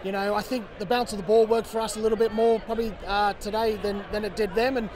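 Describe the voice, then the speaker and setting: High-voiced rugby director by the crowd. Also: male voice, flat delivery. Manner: measured, gracious, hedging fillers. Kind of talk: post-match interview. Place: outdoors beside a rugby pitch. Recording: crowd noise outdoors.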